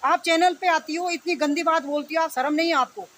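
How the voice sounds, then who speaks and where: Speaking fairly quickly in a high-pitched voice, an online video commentator confronts her opponents in an indignant, unrehearsed rant. Repeated phrases and rhetorical questions drive her scolding, and steady noise hums in the background.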